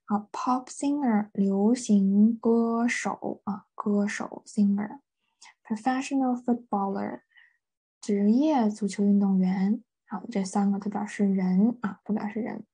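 A woman's voice: medium pitch, steady tone, slow, mellow, breathy edge. A woman teaching an English vocabulary lesson, patiently repeating each word and translating it with many fillers. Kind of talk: vocabulary lesson explaining words.

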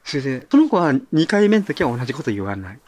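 A middle-aged man hosts a monologue show and tells a personal story in a relaxed, conversational way. His pitch rises and falls constantly, and he often drops to a quiet murmur. He talks with the easy rhythm of someone chatting to listeners. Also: quick pace. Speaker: author and monologue host.

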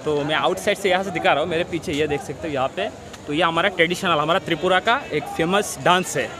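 Holding his phone at arm's length, a thirtysomething travel vlogger from Tripura, India, strolls through a crowded outdoor railway station and chats casually to the camera. His voice is fairly high and quick, and his easygoing manner guides the viewer along. Crowd chatter and passing vehicles come through this outdoor phone recording.

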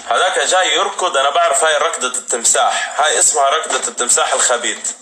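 Fast-talking man hyping gamers. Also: fairly high pitch, slight background noise. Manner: fast, teasing, hypes up players. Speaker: gaming streamer hosting custom rooms. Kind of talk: live game commentary. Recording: roomy, distant mic, loud music.

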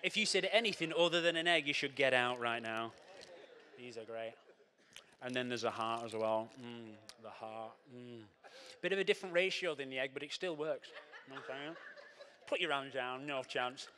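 A man giving a jokey, animated church talk, breaking into coaching shouts. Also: medium pitch, fairly quick. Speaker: church speaker. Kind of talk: lively sermon with props and audience. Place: church hall. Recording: long hall reverb.

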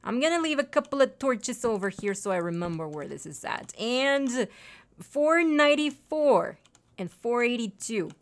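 Her voice runs a little high, with big pitch swings and a moderate pace. A Spanish-speaking gaming channel host, she provides casual let's-play commentary, chatty and apologetic, talking to viewers and to in-game animals and trees.

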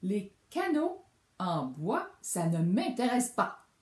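A woman's voice: medium pitch, lively intonation, a little slow, dark tone, close to an everyday voice. A woman doing a big grumpy bear. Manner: grumbling and protesting. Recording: echoey room.

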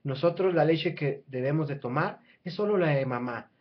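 A man's voice: on the high side, moderate pace. Earnest man on a webcam. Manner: earnest, persuasive, with frequent restarts and fillers. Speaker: channel host. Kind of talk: casual talk to camera. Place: small room at home, indoors. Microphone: webcam at close range. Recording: dull lo-fi webcam audio.

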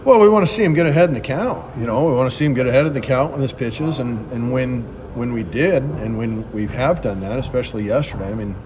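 A middle-aged man, a head baseball coach, answering reporters at a postgame press conference with plain, quick answers and frequent restarts. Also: medium pitch, noisy background. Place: press backdrop at a ballpark.

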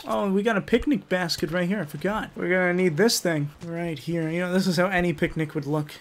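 A young man commentating a game in a rowdy, profane way, yelling taunts at the characters. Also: sits high, a little fast. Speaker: gaming YouTuber.

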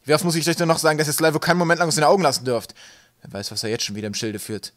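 Brief: male narrator voicing Wolkenwolf, angry sky pirate captain, loud, bossy. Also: fairly low pitch, completely flat delivery, rapid-fire, dry recording, studio quality. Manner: harsh, loud, barking orders. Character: gruff domineering sky pirate captain, man.

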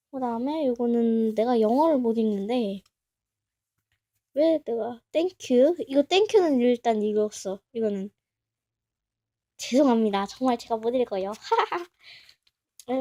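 A young woman vlogger chatting casually as she opens a package, talking to herself and gushing with excitement. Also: fairly high pitch. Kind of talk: casual unboxing chat.

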